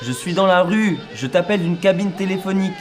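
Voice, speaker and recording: A man's voice: high voice, animated, brisk. A father on a payphone call. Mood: urgent. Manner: urgent, raised voice over the noise. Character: father calling his son from a street payphone. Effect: payphone call from a noisy street. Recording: payphone call with loud street noise. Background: loud street ambience.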